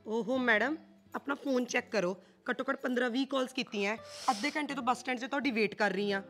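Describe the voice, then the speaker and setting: An actress as a chatty teasing young cousin. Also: female voice, a little high, fast, a bit bright, faint music behind.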